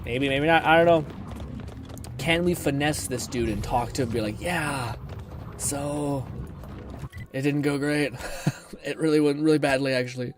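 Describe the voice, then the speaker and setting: A man's voice: mid-range voice, brisk, background noise. A man doing casual live game commentary as a streamer, thinking aloud in an informal, sweary way.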